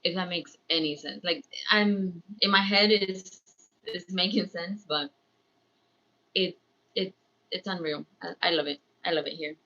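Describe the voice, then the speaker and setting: A woman born in Ecuador and raised in New York, with Spanish as her first language, hosts a casual crafts livestream. She's bright and chatty, rambling and slipping into Spanish phrases in an unhurried, lowish voice. The lo-fi stream audio is slightly dull.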